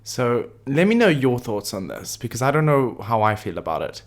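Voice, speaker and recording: A man co-hosting a casual podcast, animated and opinionated, often giggling between points. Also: mid-range voice, moderate pace. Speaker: podcast co-host. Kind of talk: casual chat.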